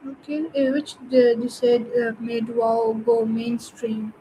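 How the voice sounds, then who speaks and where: A woman asking questions in a casual chat, hesitant and halting, with many pauses. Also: fairly high pitch, steady tone, mellow, a little hiss or hum, low-quality recording.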